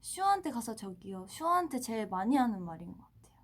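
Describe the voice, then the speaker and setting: A woman in her twenties hosting a casual livestream, chatting playfully with fans and often dropping to a hushed tone. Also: fairly high pitch, very animated, fast talker. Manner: playful, often drops to a soft hush. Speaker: idol livestream host. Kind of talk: casual livestream chat, answering fan comments.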